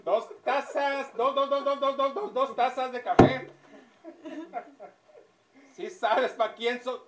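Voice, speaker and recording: A man's voice: very high voice, big pitch swings, pitched above the performer's own voice, full character voice. A man playing a rowdy, impatient café customer who bellows for the waiter and repeats words over and over. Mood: pushy mocking. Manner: shouting and repeating words rapid-fire. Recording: echoey room, mic far off, loud background noise.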